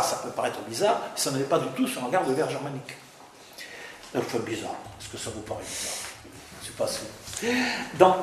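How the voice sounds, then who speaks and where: A man giving an academic lecture, talking to a class in a hesitant way with stammered restarts and repeated words. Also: fairly high pitch. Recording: very echoey room, faint background noise.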